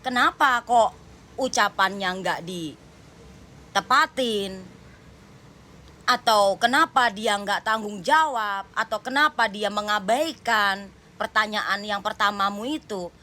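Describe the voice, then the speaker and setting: A woman's voice: medium pitch, slow, bright, forceful tone. A woman giving a general tarot reading, talking straight to the viewer in an emphatic, repetitive way. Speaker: tarot reader.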